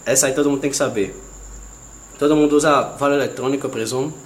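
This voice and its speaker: A man, co-hosting a comedy podcast and telling stories in a slangy, animated way that gets loud and laughing at the peak. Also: mid-range voice, fast talker. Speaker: podcast co-host. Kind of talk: comedic storytelling chat. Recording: echoey room with faint noise.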